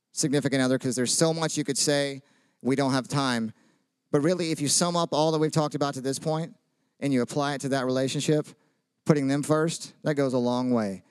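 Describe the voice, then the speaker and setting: Chatty and joking, a man in his thirties delivers an informal sermon, asking the audience questions and sharing personal stories. His mid-range voice sounds smooth, with no echo.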